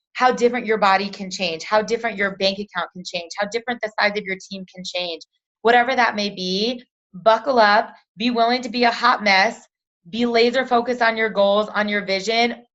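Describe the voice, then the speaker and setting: A woman giving an energetic motivational pep talk to her team on a conference call, often asking "right?" and saying "you guys". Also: mid-range voice, muffled recording.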